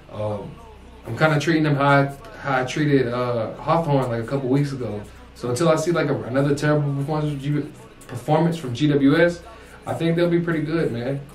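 Young dude rambling through a game recap, echoey room, far mic, bit of music behind. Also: male voice, mid-range voice. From United States. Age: young adult. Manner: rambling, lots of restarts and "like". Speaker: co-host. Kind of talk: casual sports recap chat. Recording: roomy echo, distant mic, faint music.

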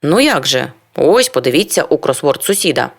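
Brief: audiobook reader, first-person literary narration, brooding and introspective, mid-pitched voice. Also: moderate pace. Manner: brooding, introspective, rhetorical questions.

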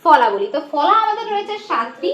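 A woman's voice: very high-pitched, sing-song. A woman teacher with a Bengali accent, patiently explaining an exam-prep lesson and answering her own questions. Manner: chants children's rhymes slowly. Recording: dull lo-fi audio in an echoey room.

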